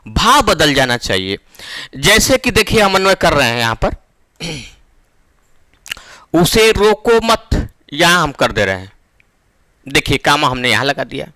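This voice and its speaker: A man teaching Hindi grammar as a classroom lecture, who repeats each phrase slowly for emphasis and asks the class questions. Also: fairly high pitch, bright, forceful tone, no room sound.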